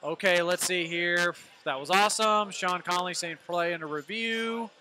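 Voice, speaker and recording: A man's voice: sits high, normal speed, pushed and bright. A young man co-hosting a live football watch party in a bar, with casual commentary and cocky, teasing banter. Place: in a bar or brewery.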